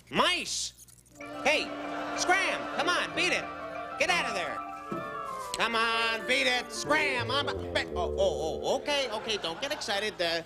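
An actor playing a middle-aged, long-suffering playwright husband, wry, nervous and placating, in a television comedy sketch. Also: male voice, mid-range voice.

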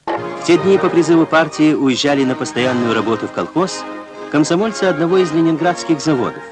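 Old newsreel narrator guy, proud announcer tone, lively rising and falling pitch, music going under him. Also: a little fast. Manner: formal, declamatory announcer delivery. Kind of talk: old Soviet newsreel voice-over.

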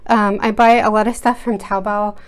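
An American woman hosting an art channel chats casually while she works at her desk indoors at home, rambling with lots of fillers and restarts. She speaks at a moderate pace in a clean, medium-pitched voice with little pitch movement. She stays off-screen, recorded through an overhead camera setup.

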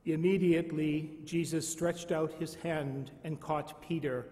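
A man, a priest, reading the Gospel at Mass in a slow, measured way, with a cathedral echo around his voice. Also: on the high side, fairly even intonation, a little mellow. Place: large church. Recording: long cathedral reverb.

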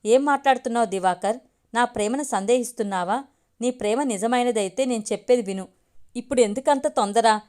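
A woman voicing a scheming young man who smoothly pressures his girlfriend in a storybook. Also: a little high, a little fast, darkish tone, natural voice. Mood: pressuring. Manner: insistent, smooth-talking.

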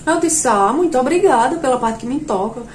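Animated woman telling a comic story. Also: a little fast, slight background noise. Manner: animated, jumps to shrill outbursts when quoting herself. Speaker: comedian. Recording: echoey room.

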